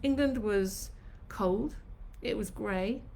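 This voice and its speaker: Here the Sri Lankan host, a woman in her fifties, streams from her kitchen and slowly reminisces about her life in a chatty, reflective manner. Her medium-pitched voice is creaky and slightly mellow, with slight background noise.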